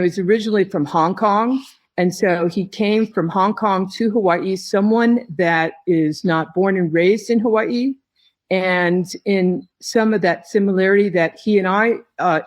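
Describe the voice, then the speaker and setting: A woman who heads a tea company, giving slow, reflective interview answers with her phrases broken by pauses. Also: lowish voice. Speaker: tea company head, podcast guest.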